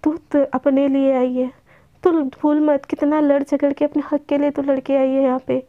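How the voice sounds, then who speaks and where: A woman's voice: high voice, flat delivery, normal speed. A woman voicing a defiant young woman student who talks curtly and dismissively. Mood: self-encouraging. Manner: curt, dismissive. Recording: dull lo-fi recording.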